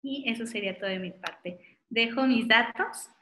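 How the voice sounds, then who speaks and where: A woman giving a webinar on low vision, talking in a friendly, informal way with many "este" fillers. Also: moderate pace, bright, forceful tone. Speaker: optometrist giving a webinar talk. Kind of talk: webinar lecture with audience questions.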